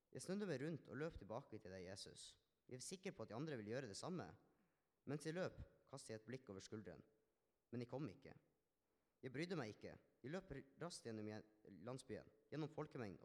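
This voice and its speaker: Humble Samaritan leper, healed and grateful, a man in the role: earnest, reflective first-person monologue, mid-range pitch, recorded with long hall reverb. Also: a little mellow, lightly acted. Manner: earnest, reflective storytelling with small restarts.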